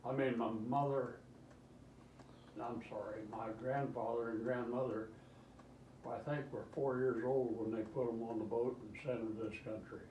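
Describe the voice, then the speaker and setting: An elderly man reminisces casually, haltingly rambling and repeating himself as he recalls things. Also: mid-range voice, steady tone, lo-fi sound. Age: 80s or older. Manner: old man's halting, rambling recollection with repeats. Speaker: interviewee, grandfather. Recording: roomy, distant mic, faint background noise.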